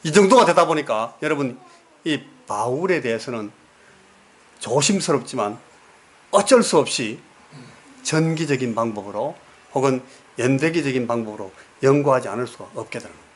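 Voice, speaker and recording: A man's voice: mid-range voice, lively intonation, moderate pace, pauses often. A man preaching a sermon as pastor, telling stories and putting questions to the congregation, repeating words for emphasis. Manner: storytelling, asks the congregation questions.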